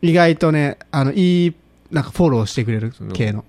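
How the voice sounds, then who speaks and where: Man, casual podcast co-host, slightly high voice, lively pitch, laughing and rambling. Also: normal speed. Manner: animated, laughing, speculative rambling. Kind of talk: casual chat.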